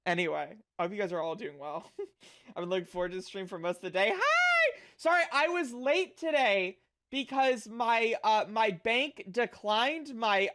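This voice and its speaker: A livestreamer chatting casually with viewers in a cute anime-streamer manner, animated and sweary, with bubbly delivery. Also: medium pitch.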